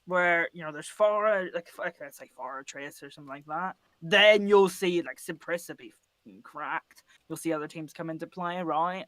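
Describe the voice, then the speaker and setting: A man co-hosting a casual esports podcast, animated and swearing freely as he argues his points. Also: fairly high pitch, dry recording. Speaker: podcast co-host.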